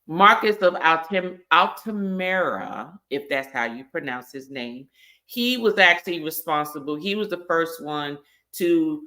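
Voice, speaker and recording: Chatty woman doing a tequila tasting vlog, rambles a lot, bright kinda low voice. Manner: chatty, colloquial, rambling storyteller. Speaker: host reviewing spirits. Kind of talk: casual tasting review vlog.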